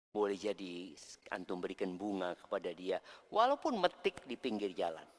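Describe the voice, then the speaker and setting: A male preacher delivers a sermon with a bright, ringing voice that swings widely up and down in pitch. He talks straight to his listeners and acts out the people he quotes. His voice trails off in the long reverb of a large hall. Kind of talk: sermon to a congregation.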